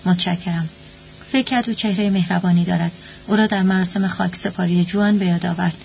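A woman narrating a story at a steady, even pace. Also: medium pitch, vocal fry. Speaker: audiobook narrator. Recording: dull lo-fi with faint hum.

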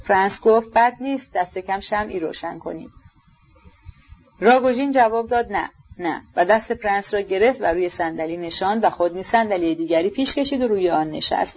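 An audiobook narrator reading a literary novel in a measured, even storytelling manner. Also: medium pitch. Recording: slightly muffled audio.

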